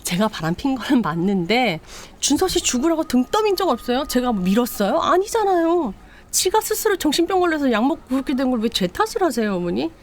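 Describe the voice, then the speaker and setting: A woman's voice: medium pitch, lively intonation, fairly quick, lightly acted. A woman voicing a cruel, scheming young wife who taunts and sneers in a retold story. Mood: defiant.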